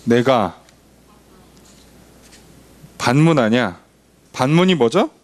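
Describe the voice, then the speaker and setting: A man's voice: mid-range voice, expressive, extremely slow. A male pastor leading a Bible study, explaining verses in a conversational way and asking his class questions. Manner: acts out imagined objections in a blunt informal voice. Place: church.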